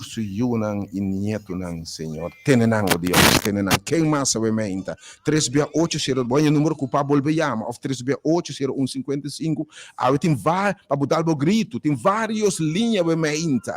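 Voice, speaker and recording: A man, a radio pastor praying fervently for callers in rhythmic repeated pleas. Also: mid-range voice. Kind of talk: live radio prayer call-in.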